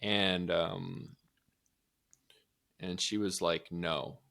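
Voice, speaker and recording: A man's voice: low-pitched, unhurried, pushed and bright. A young man co-hosting a podcast, talking loosely with lots of filler words and some swearing. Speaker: podcast co-host. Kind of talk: casual chat.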